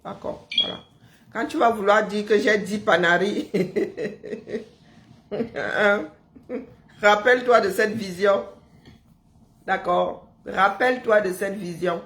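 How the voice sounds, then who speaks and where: A woman's voice: mid-range voice, fairly even intonation, slow pace, pauses often. A woman in a heated online argument, mocking and taunting her opponent. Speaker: live stream participant.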